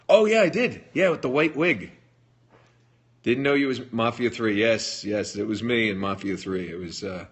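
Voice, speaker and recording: On a phone livestream, a middle-aged man with a slightly rough mid-range voice answers fan questions, reading each comment aloud. His tone stays casual, chatty and full of jokes.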